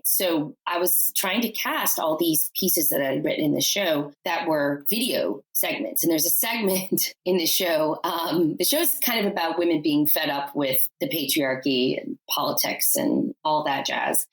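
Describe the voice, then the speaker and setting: Middle-aged actress guest with a low voice, candid and lively when she tells her stories. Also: rough recording. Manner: candid, animated storytelling with quick asides. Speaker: actor and acting teacher, guest. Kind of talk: casual interview chat.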